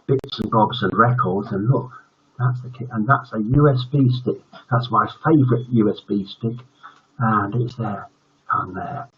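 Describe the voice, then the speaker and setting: A British man in his seventies, his voice husky and fairly low, reads tales and chats casually while hosting a bedtime story stream. The recording is dull, lo-fi livestream audio.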